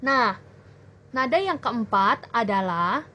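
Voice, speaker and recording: A young woman tutoring children in a language lesson, explaining clearly and patiently. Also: on the high side, animated, pushed and bright. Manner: slow, clear teacherly explaining. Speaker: Mandarin tutor.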